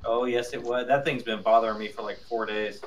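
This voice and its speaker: A man's voice: mid-range voice, level tone. Eager chatty man, far from his mic. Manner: eager, chatty, quick to jump in. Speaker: player. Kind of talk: casual tabletop game chat. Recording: distant mic with faint noise.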